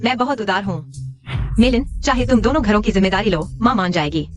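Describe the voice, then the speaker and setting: Woman doing a sly bossy mom, mid-pitch, mocks her grown sons. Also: lively intonation, a little fast, faint music behind, lightly acted. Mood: mocking. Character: scheming, sly middle-aged mother. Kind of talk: dubbed drama acting.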